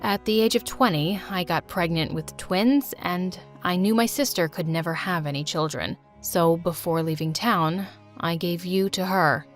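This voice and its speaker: Woman voicing a middle-aged birth mother, remorseful, earnest, lowish voice, animated story. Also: moderate pace, faint music behind, lightly acted.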